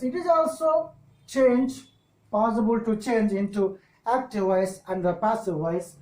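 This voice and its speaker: A woman with a Telugu accent, a native Telugu speaker, teaching an English grammar lesson in halting, repetitive phrases. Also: fairly high pitch, a little mellow. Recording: echoey room.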